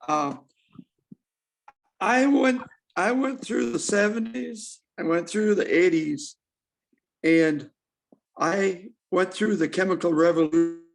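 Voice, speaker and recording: Older man, high voice, slow halting speech, remote call audio breaking up and cutting out. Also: gravelly, low-quality recording. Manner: halting, slow, broken-off phrases. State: voice dropping in and out. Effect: audio cutting out over a bad internet connection. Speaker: farmer panelist. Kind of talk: roundtable discussion. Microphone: remote call connection.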